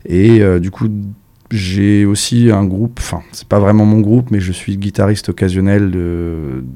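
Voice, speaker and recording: A man from France, a musician, chatting casually in an interview, relaxed and hesitant, with many fillers. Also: lowish voice, measured pace. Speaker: musician guest.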